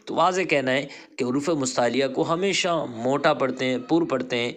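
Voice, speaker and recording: A man's voice: medium pitch, a bit bright. A man teaching a Quran reading lesson, patiently spelling out letter sounds one by one and encouraging his student to repeat them. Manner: encouraging, praises the learner. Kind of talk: recorded online lesson.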